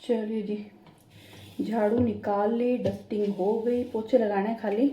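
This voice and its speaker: A woman's voice: fairly high pitch, steady tone, measured pace, muffled recording. A woman chatting casually through her home vlog, narrating her chores as she works in her kitchen and living room. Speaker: home vlogger. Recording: echoey room with faint background hum.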